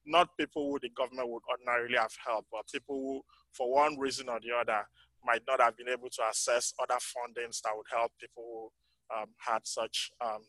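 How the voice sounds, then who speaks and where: Male panel speaker, bright forward tone, dry close sound, halting delivery with frequent ums. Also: medium pitch, no room sound, rough recording. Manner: halting, many ums, voice fading in and out. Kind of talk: conference breakout talk. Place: conference breakout room.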